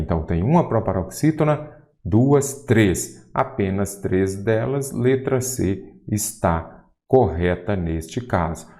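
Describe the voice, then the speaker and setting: Man, Brazilian accent, middle-aged, low-ish voice, grammar teacher, exam walkthrough, rhetorical questions. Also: a little mellow. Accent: Brazilian Portuguese. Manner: rhetorical questions, drawn-out answers. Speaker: Portuguese teacher.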